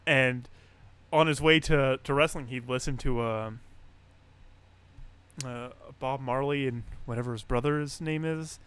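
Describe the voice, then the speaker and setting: Unhurried and clean-toned, a medium-pitched male podcast co-host casually recounts a story. His retelling is laid-back and heavy with fillers, and he laughs a lot.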